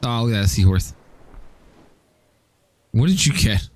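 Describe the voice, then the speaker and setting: A man's voice: mid-range voice, expressive, slow, darkish tone, faint music behind. A man chatting casually on a livestream while he plays a game, joking and often stammering as he restarts his sentences. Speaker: streamer.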